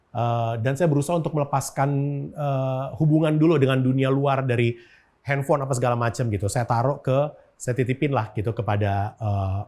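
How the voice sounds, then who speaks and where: A man's voice: medium pitch, darkish tone. A man, a guest in an interview, telling a personal story in casual chat, with frequent filler words. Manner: storytelling with frequent 'gitu' fillers and acted-out quotes.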